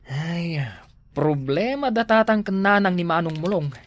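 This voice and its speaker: A woman voices an exclamatory Ilocano villager in a homespun comedy drama, fretting and complaining with lively, swooping intonation. Her voice is on the low side and her pace measured, and the recording is close and dry, her mood grumbling.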